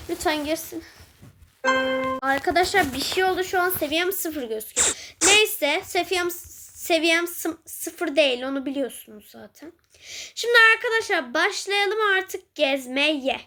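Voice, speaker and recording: High-pitched woman gamer, excitable and giggly, casual game commentary over a noisy home recording. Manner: excited and fast-talking, giggly. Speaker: gaming channel host.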